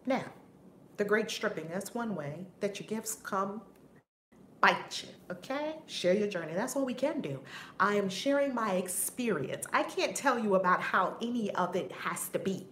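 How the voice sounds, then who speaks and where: A woman giving a casual spiritual teaching on a livestream, animated, laughing often and swearing casually. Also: mid-range voice, moderate pace. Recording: roomy with faint background noise.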